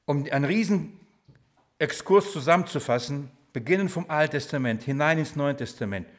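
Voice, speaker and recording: Ein Mann, der vor einer Gemeinde predigt, lebhaft und mit Fragen an die Zuhörer, wird für Betonungen oft leise. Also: male voice, on the high side, moderate pace. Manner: lively preaching, drops to quiet emphatic lines, asks the congregation questions. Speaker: preacher. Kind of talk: sermon.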